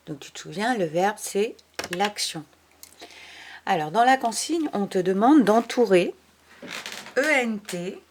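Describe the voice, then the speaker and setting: A woman teaching young children from home, in a slow, unhurried delivery. She is patient and careful, spelling words letter by letter and sometimes murmuring quiet asides. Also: mid-range voice, a little hiss or hum. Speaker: primary school teacher.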